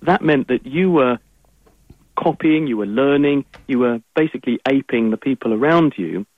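Heard through a tinny phone line with no echo, a man with an English accent speaks at normal speed in an animated, medium-pitched voice. As a science guest on a radio call-in, he gives listeners long, fluent explanations.

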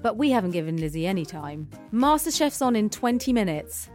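A woman's voice: mid-range voice, sing-song, a little fast, darkish tone. Woman narrating over light music. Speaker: presenter narrator. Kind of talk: scripted narration.

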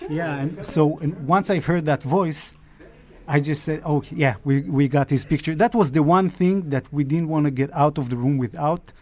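Halting man, slightly high voice. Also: a little mellow. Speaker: journalist. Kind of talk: casual interview recollection.

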